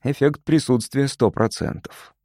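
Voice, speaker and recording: A man's voice: mid-range voice, a little slow, warm tone, dry recording, clean studio sound. A man voicing a wary, terse male security officer. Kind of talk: audiobook character voice.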